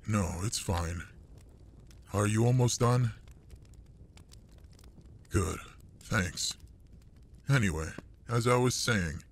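In an intimate audio roleplay, a man portrays a gruff older monster adventurer who is fond and teasing toward a human partner. His voice is lowish and a bit bright, with a little hiss or hum in the recording.

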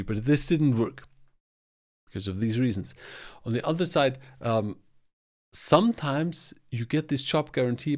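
A man in his forties gives a solo podcast monologue in an explanatory way. His voice sits at an ordinary middle pitch. He is recorded close on a podcast mic in a small home studio. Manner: explanatory, talks with his hands. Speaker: podcast host. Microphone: podcast mic on boom arm, close.

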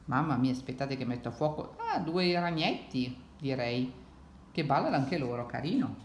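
A woman's voice: rumbling low, big pitch swings, normal speed, darkish tone, roomy sound, slight background noise. A woman reading a picture book aloud to children, chatting with them and pointing at the pictures. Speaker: storybook reader.

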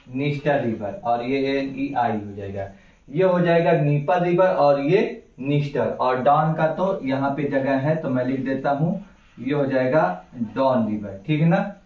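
A man teaching an exam-prep geography lesson, going slowly over names on a map and asking his students to repeat them back. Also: on the high side, a little mellow. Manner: slow, repeats names and quizzes the class. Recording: echoey room, voice from far off.

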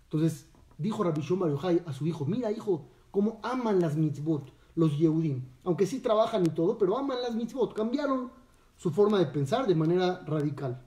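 A man's voice: high-pitched, lively intonation, fairly quick, dark tone. A man, a rabbi teaching a Torah lesson, telling a story and asking his listeners questions. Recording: echoey room, distant mic.

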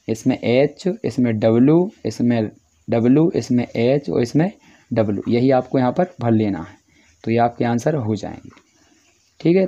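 Male tutor, mellow voice, repetitive step-by-step explainer, slightly muffled lo-fi recording. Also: medium pitch. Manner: repetitive, fills with "yahan par". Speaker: teacher solving textbook exercises. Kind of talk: explanatory lesson, walking through answers.

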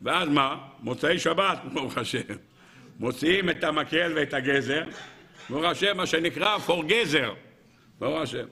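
A man teaching as a rabbi, telling a parable in a lively way and asking his audience rhetorical questions. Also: fairly high pitch, vocal fry. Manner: lively storyteller who acts out characters. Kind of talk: Torah lesson with a parable.

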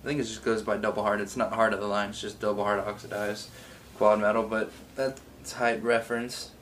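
A man's voice: on the low side, little pitch movement, a little fast, a bit bright. A young man giving a casual product review in an informal, loose, self-correcting way, recorded indoors by a camera a few feet away. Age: young adult. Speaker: hookah reviewer. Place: garage workshop, indoors. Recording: faint background room noise.

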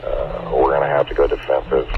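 A man's voice: a bass voice, completely flat delivery, fairly quick, dull audio. A man giving matter-of-fact, procedural firefighter radio commands as incident commander. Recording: noisy vehicle radio.

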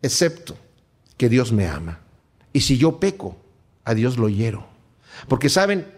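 A man preaching a sermon, reading scripture aloud and explaining it to his congregation with rhetorical questions. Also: a little slow. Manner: expressive, rises in pitch on rhetorical questions.

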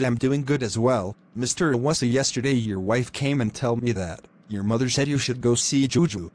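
A man voicing a gentle, consoling pastor in an animated drama. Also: mid-range voice, lightly acted. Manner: soothing, consoling. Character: gentle, reassuring male pastor.

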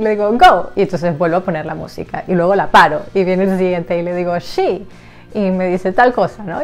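A woman English teacher for young children, explaining a classroom game in a casual, lively way and acting out sounds and children's voices. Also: mid-range voice. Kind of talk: casual explanatory lesson to camera.

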